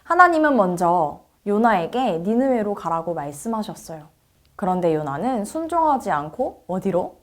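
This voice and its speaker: A woman's voice: medium pitch, big pitch swings, moderate pace. Woman telling a Bible story to children. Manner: asks the children questions, acts out quoted lines. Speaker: children's ministry preacher. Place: church.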